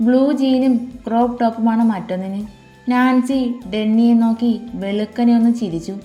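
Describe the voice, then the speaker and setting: Woman narrator, audiobook novel reading, fairly high mellow voice, roomy echo, faint background music. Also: fairly even intonation, normal speed. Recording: echoey room, faint music.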